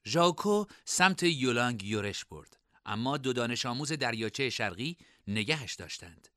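A man narrating a scripted storybook in an expressive reading style. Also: medium pitch, no room sound, clean studio sound.

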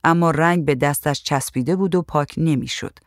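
Calm male storyteller, dry close sound. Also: on the high side, no room sound. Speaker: narrator. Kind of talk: storybook reading.

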